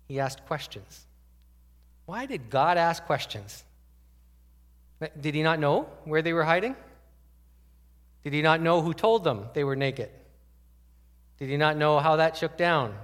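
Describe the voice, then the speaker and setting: A man's voice: a little high, a bit bright, big-room sound. A man preaching a conversational sermon as a pastor, asking the congregation many rhetorical questions. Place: church sanctuary.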